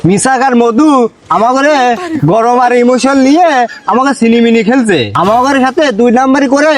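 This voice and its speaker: A man's voice: very high-pitched, normal speed. A man playing a cheated villager in a comic drama, scolding and mocking the others. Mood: exasperated. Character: exasperated male villager, loud and mocking.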